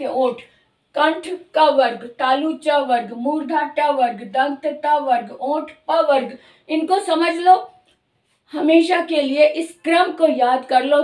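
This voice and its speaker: A woman teaching Hindi grammar, explaining slowly and drawing out each sound she demonstrates. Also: high voice, a little mellow, reverberant, recorded from a distance. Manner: slow, careful, drawn-out demonstration of sounds. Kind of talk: explanatory lesson.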